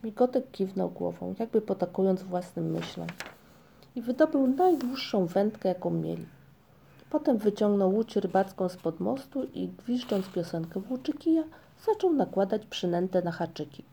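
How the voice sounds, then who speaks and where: Gravelly dark-voiced woman reading a children's story. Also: medium pitch, expressive, moderate pace, slight background noise. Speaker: audiobook narrator. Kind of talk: calm storybook narration.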